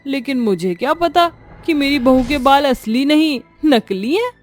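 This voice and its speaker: A woman voicing a sharp-tongued middle-aged mother-in-law who scolds and mocks in an animated storybook. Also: medium pitch, soft background music, lightly acted. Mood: mocking. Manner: scolding, quick to anger.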